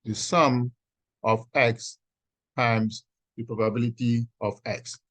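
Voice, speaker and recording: A man teaching an online class as a professor, explaining step by step in a halting, deliberate way and often checking in with "okay". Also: medium pitch, fairly even intonation, fairly bright tone, no echo, poor audio. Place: video call with screen sharing.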